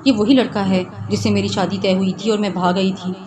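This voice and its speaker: A woman voicing a timid young wife who speaks softly and pleads. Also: mid-range voice, level tone, close to an everyday voice. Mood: pleading. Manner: pleading, soft. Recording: noisy background hiss.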